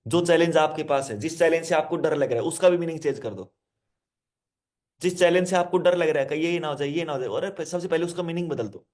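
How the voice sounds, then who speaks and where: A man's voice: a little high, a little mellow. A male hypnotherapist giving a self-help lesson, speaking directly to listeners, repeating his instructions and explaining with simple word examples.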